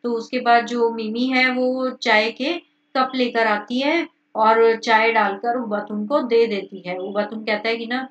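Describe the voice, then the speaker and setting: Woman teacher with a fairly high voice, retells a story line by line in casual words, muffled recording from a distance. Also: steady tone, a little slow. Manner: reads lines then re-explains in casual words. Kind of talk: explaining a story lesson.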